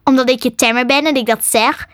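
A woman's voice: sits high, fairly even intonation, a little fast, fairly bright tone, dry recording, clean studio sound. A woman voicing a firm, bossy young woman who tames a dragon, in a storybook reading.

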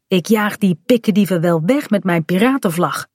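A woman's voice: lowish voice, lively intonation, moderate pace, a little mellow, no echo, clean studio sound. A woman reading aloud voices a spirited little girl who plays pirate, cheeky and proud. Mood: fierce.

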